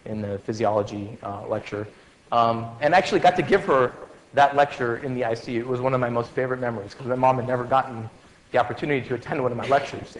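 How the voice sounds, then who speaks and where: A man in his forties addresses medical students in a lecture hall, his voice carrying a long reverb tail. He talks casually with jokes, fillers and restarts, over a faint background hum. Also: medium pitch. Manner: conversational, joking, many fillers and restarts.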